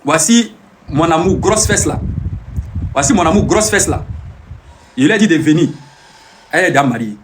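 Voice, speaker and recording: A man's voice: fairly high pitch, expressive, moderate pace, long pauses, slight background noise. A young man, boastful and teasing, who repeats his phrases over and over in a casual live stream.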